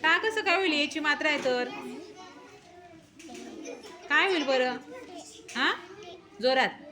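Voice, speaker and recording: Woman teacher in a classroom, high voice, keeps nudging the kids with quick little questions. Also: crowd noise. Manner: coaxing, prompts with repeated short questions. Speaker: primary school teacher. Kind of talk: classroom teaching of young children.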